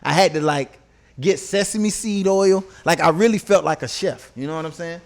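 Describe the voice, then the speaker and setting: This man hosts a podcast, spinning stories in slangy, cursing speech and often asking "you know what I'm saying" to make sure listeners are with him. His voice is a little high, at normal speed.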